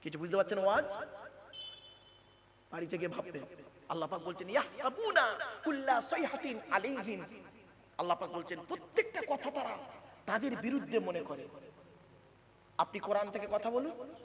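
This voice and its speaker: A male preacher delivering a sermon at a religious gathering, dramatic and swinging between loud calls and hushed asides, often asking the crowd rhetorical questions. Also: sits high, sing-song, normal speed, long pauses. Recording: long reverb with crowd noise. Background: audience murmur.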